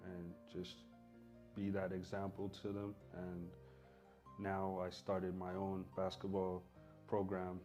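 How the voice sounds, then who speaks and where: A man's voice: low-pitched, monotone, takes it slowly, over music. A man from South Sudan, a basketball coach, giving an earnest video testimonial.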